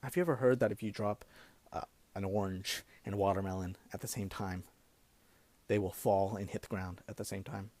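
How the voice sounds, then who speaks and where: A young man telling a comic personal story in an animated way, now and then breaking into laughter. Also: lowish voice, a little fast, no room sound.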